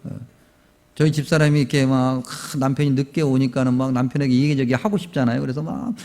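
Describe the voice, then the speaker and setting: Pastor preaching with long church reverb. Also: male voice, mid-range voice, little pitch movement, quick pace, a little mellow. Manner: storytelling, asks the congregation questions. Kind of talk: sermon. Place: church sanctuary.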